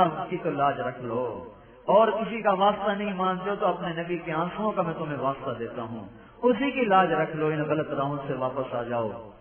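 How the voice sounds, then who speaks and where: An emotional man preaching and pleading, with a fairly high voice. He sounds far from the mic in an echoey space, and the sound is thin and phone-like. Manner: emotional, pleading, with rhetorical questions and Arabic recitation. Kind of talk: impassioned sermon.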